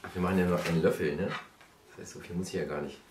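A man's voice: low voice, steady tone, racing. A man in his thirties chatting casually as he takes part in a food challenge vlog. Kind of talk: casual chat. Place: living room on a couch. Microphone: camera a step or two away. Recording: roomy, distant mic, loud noise, clatter.

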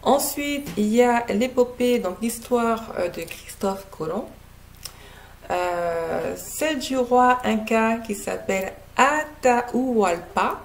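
A woman from French Guiana reviewing a novel to her webcam at home, hesitant and full of filler sounds. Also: fairly high pitch. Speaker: book reviewer. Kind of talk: casual book review to camera. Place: living room at home, indoors. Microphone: laptop webcam, seated close.

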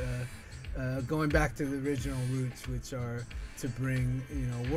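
A middle-aged artist talks through a drawing session at his home desk. His voice sits a little high for a man, and his delivery is loose and heartfelt, full of fillers. Soft music plays underneath. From Northern California. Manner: rambling, filler-heavy, earnest. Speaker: artist and channel host. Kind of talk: casual monologue while drawing. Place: home art desk, indoors.

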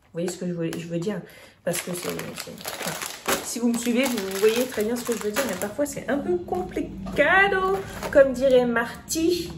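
A woman's voice: on the high side, normal speed. Chatty woman in an echoey room. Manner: chatty, many restarts and fillers. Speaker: vlogger. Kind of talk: casual grocery haul chat. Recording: echoey room, faint noise.

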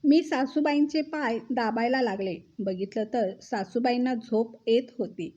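A woman's voice: a little high, a little slow, warm tone, lo-fi sound. Woman telling a wry home story. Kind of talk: first-person story narration.

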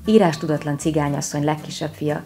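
Woman, documentary narrator, scripted narration, calm, measured, deep voice. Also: vocal fry, faint music behind.

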